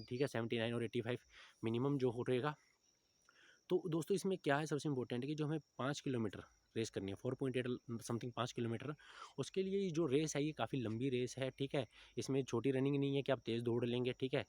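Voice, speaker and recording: A man of about thirty, a medium-pitched, slightly mellow voice, coaches recruitment exam candidates. His motivational advice is informal, and he keeps adding check-in tags as he talks.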